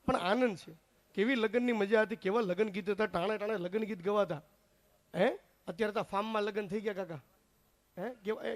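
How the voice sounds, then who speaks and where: A man's voice: very high voice, sharp tone. A man doing live stage comedy, chatting straight to the crowd. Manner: chatty, addresses the crowd directly. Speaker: stand-up comedian and mimic.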